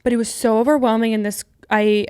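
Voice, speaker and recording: A woman's voice: fairly high pitch, level tone, fairly quick, darkish tone, smooth. A young woman co-hosting a podcast, telling rambling stories in casual chat and swearing freely. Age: young adult. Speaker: podcast co-host.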